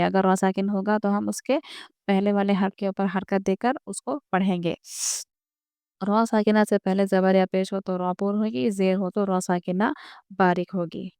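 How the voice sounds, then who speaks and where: A woman teaching a beginner lesson on reading the Quran, patient and repetitive, drawing out example words slowly. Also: mid-range voice, darkish tone, clean tone, no room sound, clean studio sound. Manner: patient, repeats each rule, draws out example words slowly.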